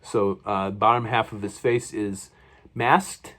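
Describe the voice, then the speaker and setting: Rambling man reviewing toys, lowish voice. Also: fairly even intonation, slow pace, a bit bright. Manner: rambling, many fillers and self-corrections. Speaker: toy reviewer. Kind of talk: casual unboxing review.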